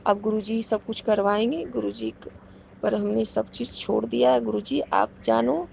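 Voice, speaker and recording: Middle-aged woman, devotional testimony, heavy vocal fry, murmured repeated thanks, talks straight to the congregation. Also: medium pitch, lively intonation, normal speed, a little hiss or hum, rough recording. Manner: keeps addressing listeners as congregation, repeats thanks in soft murmurs. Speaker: devotee sharing experiences with the congregation.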